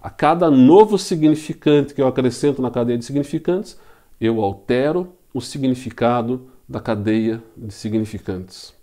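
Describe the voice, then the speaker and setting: A man's voice: medium pitch, moderate pace, warm tone. A man with a Brazilian Portuguese accent giving a recorded lecture, teaching step by step with rhetorical questions and repeated key terms. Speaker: law lecturer.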